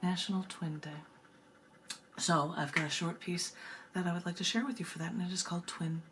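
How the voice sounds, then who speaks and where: This woman poet hosts a book reading, chatting casually between the poems she recites and stressing her words emphatically. She sounds on the low side and a bit bright, speaking a little fast with fairly even intonation, over clear background noise.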